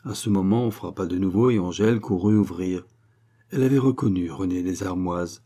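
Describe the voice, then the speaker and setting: A male audiobook narrator reading a classic novel in scripted literary narration. His voice is low and dark, with a husky texture, and his reading stays measured and even.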